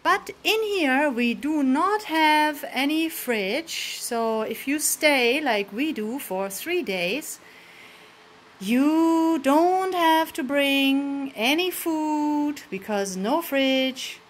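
Her high-pitched voice has lively intonation, and she talks extremely slowly over a faint hiss or hum. The woman is making a chatty, upbeat travel vlog of a resort's room and grounds, laughing often as she shows things on camera.

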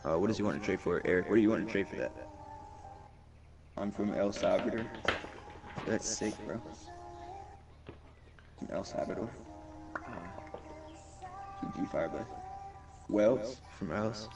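A man's voice: on the low side, unhurried, pauses often. A young man streaming a game, reading viewers' chat aloud in hyped, slangy casual talk. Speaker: gaming streamer. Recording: distant mic under loud game music. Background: loud game music.

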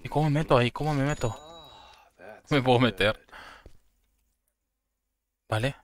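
A man from Spain with a Murcian accent, commenting on a game he is playing, breaking into loud surprised swearing and laughter. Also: mid-range voice, unhurried. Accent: Murcian Spanish. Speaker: gaming streamer. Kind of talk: gameplay commentary.

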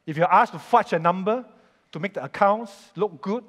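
Singaporean pastor preaching in a reverberant hall. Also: male voice, sits high, normal speed, fairly bright tone. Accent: Singaporean English. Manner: storytelling, acts out bosses and workers in quoted voices. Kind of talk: sermon. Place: church hall.

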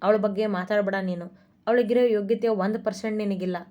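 A woman's voice: mid-range voice, steady tone, normal speed, lo-fi sound, lightly acted. A woman voicing a proud, blunt young man who is a devoted son, speaking firmly. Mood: defiant.

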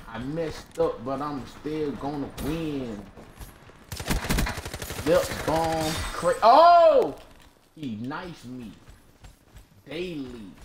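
A young man giving excitable, joking commentary on his own gameplay, yelping and shouting at the screen. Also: fairly high pitch, background noise. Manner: excitable, yelps and jokes at the screen. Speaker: gaming video creator. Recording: echoey room with loud gunfire.

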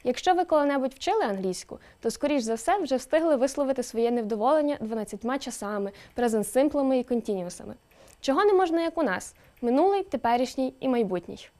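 A woman presenter giving a scripted educational narration, lively and with emphatic rising questions. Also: sits high, quick pace. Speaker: presenter explaining a dialect.

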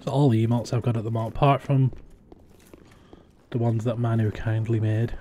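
A man's voice: medium pitch, darkish tone, a little hiss or hum. A young man chatting casually while playing a game on a live stream, muttering to himself as he goes.

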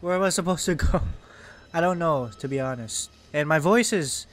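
A man playing a horror game in casual let's-play commentary, jumpy and excitable, laughing and swearing, with his voice going hoarse. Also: on the high side, moderate pace.

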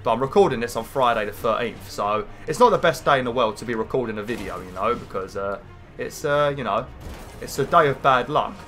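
A British man gives casual gameplay commentary in a nasal voice that sounds like his nose is pinched. His pitch sits at an ordinary middle level, and his talk is informal and rambling. Music plays behind him. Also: animated, brisk, fairly bright tone. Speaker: gaming video host.

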